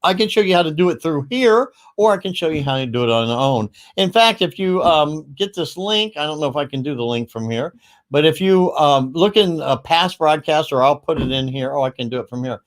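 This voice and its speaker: A man hosting a casual livestream, talking in a rambling, upbeat way with quick asides. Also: fairly high pitch, expressive. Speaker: livestream host.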